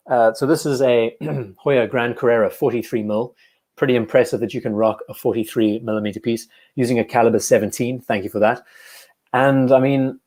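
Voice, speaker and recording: A man's voice: medium pitch, a little mellow. A man in his twenties hosting a live stream, chatting casually and reacting to viewers' comments as he goes. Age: 20s. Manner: chatty, reads live chat aloud, self-correcting. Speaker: host. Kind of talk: casual livestream chat.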